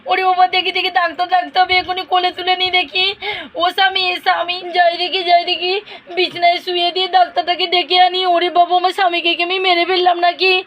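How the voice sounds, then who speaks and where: A hot-tempered young village wife, played by a woman who scolds and wails in melodramatic fashion, for a doll puppet-show cartoon. Her voice is very high and stays on a flat, narrow tune. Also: fast. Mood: fretful.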